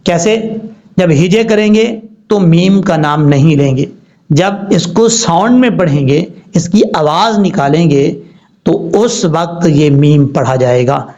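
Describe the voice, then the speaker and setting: A man teaching Quran recitation rules with a Pakistani Urdu accent, spelling out words slowly, letter by letter. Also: a little high, a little mellow. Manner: slow, deliberate letter-by-letter spelling. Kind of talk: spelling-out tajweed lesson. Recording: dull lo-fi recording.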